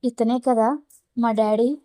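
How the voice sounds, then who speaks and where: A woman's voice: a little high, level tone, slow pace, warm tone. A woman narrator voicing an innocent little girl. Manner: innocent, sweet.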